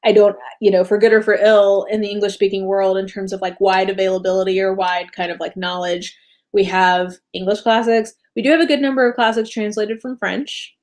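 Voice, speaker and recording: A woman's voice: medium pitch, fairly even intonation, brisk, a little mellow. An American woman hosting a casual live stream about books, tired after a long day, rambling with many fillers and self-corrections and often laughing. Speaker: booktube host.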